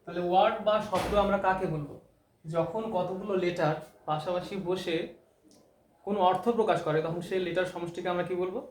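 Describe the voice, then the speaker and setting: A man with a high, steady voice teaches English grammar fairly quickly in a classroom-style explanation. He takes terms step by step, repeats key words and asks rhetorical questions, recorded in an echoey room with faint noise.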